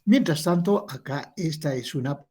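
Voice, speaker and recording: A man's voice: on the high side, expressive, normal speed, a little mellow, breathy edge. A man teaching an English class, patiently explaining and modeling questions.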